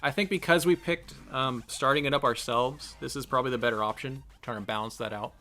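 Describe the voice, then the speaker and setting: A man's voice: medium pitch, a little fast, bright, forceful tone, soft background music. A man reading a text game aloud and thinking through his choices in a chatty let's-play style. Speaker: gamer reading and playing an interactive text game. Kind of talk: let's-play narration with casual commentary.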